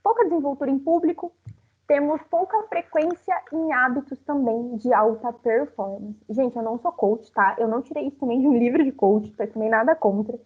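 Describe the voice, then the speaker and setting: A woman's voice: a little high, moderate pace, hardly any pauses, breathy edge. A young woman in her twenties from Brazil giving a live talk, chatting directly with her audience. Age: 20s. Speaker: speaker. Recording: phone-like narrow sound.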